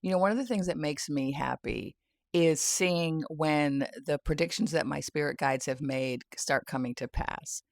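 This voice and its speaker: A woman's voice: sits low, moderate pace, no room sound, studio quality. A woman giving a casual satirical monologue about the news, often breaking into laughter and talking with sardonic glee. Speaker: tarot and spirit-guide commentator. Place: home, near a garage.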